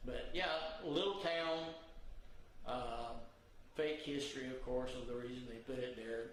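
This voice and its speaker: A man's voice: medium pitch, steady tone, unhurried. A man co-hosting a show, chatting casually in a laid-back way. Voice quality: gravelly. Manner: laid-back, short agreeing replies. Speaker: co-host. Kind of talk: casual chat. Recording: echoey room with faint noise.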